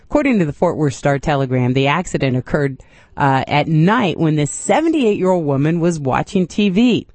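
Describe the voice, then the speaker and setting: A woman's voice: sits low, animated, normal speed, darkish tone, no room sound. A woman radio reporter reading news in a chatty way, with casual asides.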